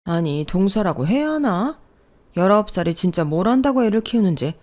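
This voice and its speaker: A woman's voice: mid-range voice, sing-song, fairly quick, a little mellow, natural voice. A woman voicing condescending older sisters-in-law in an audio story, mocking the young bride sarcastically. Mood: sneering.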